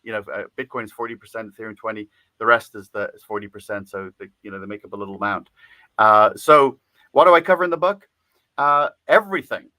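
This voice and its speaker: This interviewed author has a lowish, bright, forceful voice and talks fast on a dry recording. His casual speech is full of fillers and false starts, and he laughs often.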